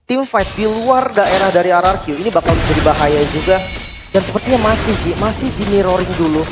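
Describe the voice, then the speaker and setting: High-voiced male esports co-commentator over music. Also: brisk. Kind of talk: live match commentary. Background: game music.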